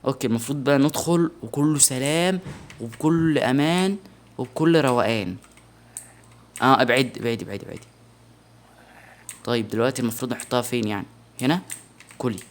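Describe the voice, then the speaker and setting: An excitable young man with an Egyptian Arabic accent, giving let's-play commentary on a horror game, yelping in alarm and muttering to himself. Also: mid-range voice, a little fast, pauses often. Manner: excitable, shouts in alarm, mutters under breath. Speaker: gaming channel host.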